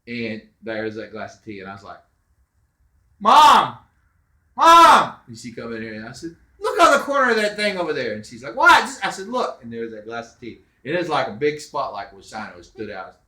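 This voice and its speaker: A middle-aged man, a father telling family ghost stories in a casual, animated way, acting out quotes loudly. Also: fairly low pitch, quick pace, hardly any pauses, roomy sound. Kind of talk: casual storytelling.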